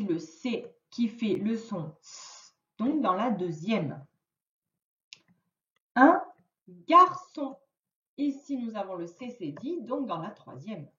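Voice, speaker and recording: A woman with a French accent, giving a recorded reading and spelling lesson to a child with slow, deliberate word-by-word dictation. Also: mid-range voice, distant mic. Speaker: teacher. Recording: dull lo-fi sound in an echoey room.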